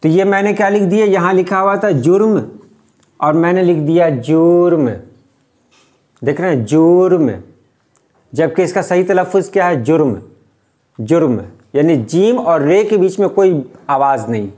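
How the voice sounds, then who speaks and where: A man teaching how to write letters, explaining patiently and repeating each point slowly. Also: sits high, lively intonation, a little mellow. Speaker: Urdu script teacher. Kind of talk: step-by-step writing lesson.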